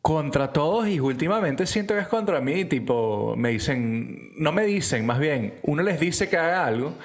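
A man's voice: fairly high pitch, animated, normal speed. A man, a chef and podcast co-host, chatting casually in loose, slangy, joking talk. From Latin America. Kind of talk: casual chat.

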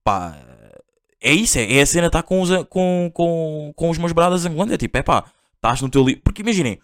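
A man's voice: fairly high pitch, expressive, brisk. Rambling young Portuguese man, slangy. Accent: European Portuguese. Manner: rambling, slangy, full of fillers and restarts. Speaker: podcast host. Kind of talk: casual storytelling monologue.

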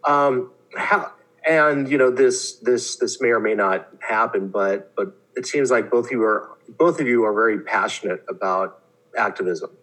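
Male interviewer, mid pitch, halting, repeats words. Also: a bit bright, poor audio. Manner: halting, repeats words while forming questions. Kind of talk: interview questions.

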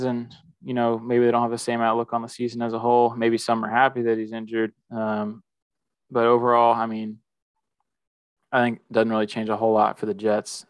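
A man hosting a casual sports podcast, talking in a measured way with lots of "um" and "I mean". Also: medium pitch, smooth, dry recording. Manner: measured, even, filler-heavy. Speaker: podcast host.

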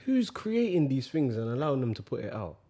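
A man's voice: mid-range voice, very animated, brisk, mellow, husky. A young man with a London accent, talking casually in roadman slang. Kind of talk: casual chat.

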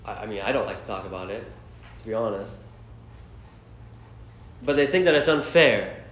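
A man preaching a sermon to a youth group, acting out a story with lively voices and slaps. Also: on the low side, normal speed, slight background noise. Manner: animated storyteller, acting out scenes. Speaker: pastor. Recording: roomy, dull lo-fi hall.

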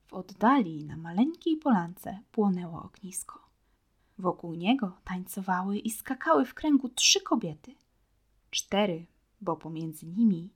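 A woman narrating a storybook in a soft, hushed way, often near a whisper. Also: medium pitch.

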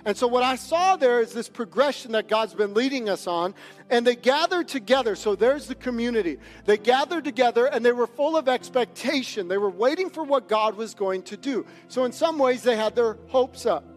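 A man pastor preaching a sermon to his congregation, swelling loud for emphasis and then dropping soft. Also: extremely high pitch, expressive, normal speed, soft background music. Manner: impassioned preaching, rising and quieting for emphasis. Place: church sanctuary.

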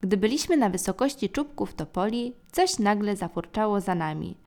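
A woman narrating a children's storybook in a gentle, expressive way. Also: mid-range voice, normal speed. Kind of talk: storybook reading.

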